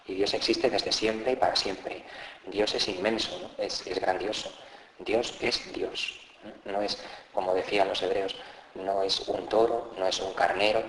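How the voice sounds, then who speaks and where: A man's voice: sits low, steady tone, normal speed, a bit bright, roomy sound, a little hiss or hum, low-quality recording. A man from Spain, a parish priest with a Peninsular Spanish accent, giving a Lenten talk in a conversational preaching style, repeating key phrases and often checking in with his listeners. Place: church.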